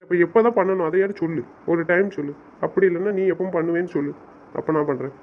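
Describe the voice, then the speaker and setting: Actor for a coaxing young man, fast and pleading, faint hiss behind. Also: sits high, natural voice. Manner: coaxing, reasoning, exasperated. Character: patient young man, exasperated fiancé on phone. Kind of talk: audio drama acting. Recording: dull lo-fi sound with faint noise.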